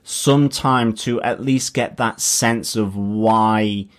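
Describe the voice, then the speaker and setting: A man's voice: fairly low pitch, steady tone, slow pace. A man, co-hosting a casual chat and working through his thoughts with many restarts. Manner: hesitant, restarts often, thoughtful. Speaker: podcast co-host.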